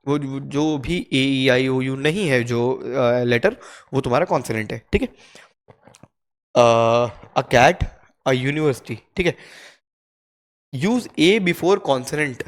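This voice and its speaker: A man with an Indian accent talks through an English grammar lesson. His pitch sits in the middle range, and he keeps it casual and chatty. He drills each rule slowly and keeps checking that his listeners follow. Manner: chatty, repeats "theek hai" often, drills rules slowly. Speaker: English teacher.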